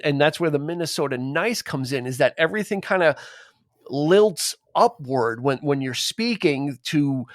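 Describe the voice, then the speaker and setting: A man co-hosting a casual podcast, rambling and animated as he talks through a film. His voice sits a little high, and the sound is dry and close. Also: no room sound. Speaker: podcast co-host. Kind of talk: casual chat.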